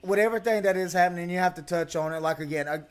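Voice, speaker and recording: A man with a high-pitched voice hosts a casual wrestling podcast. He is excitable and reacts quickly. He swears freely as he talks. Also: smooth. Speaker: podcast host.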